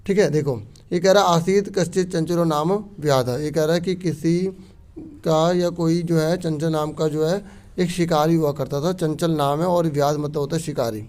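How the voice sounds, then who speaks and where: Male teacher, fairly high voice, patient worksheet walkthrough; slow reading, casual explaining. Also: steady tone, a little mellow. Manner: reads Sanskrit slowly then explains in quick casual Hindi, with frequent "theek hai". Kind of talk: explaining a Sanskrit worksheet to students.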